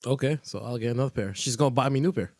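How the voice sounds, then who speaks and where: A man's voice: medium pitch, racing, darkish tone, dry recording, clean studio sound. A man co-hosting a podcast in casual chat, speaking bluntly and emphatically. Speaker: podcast co-host.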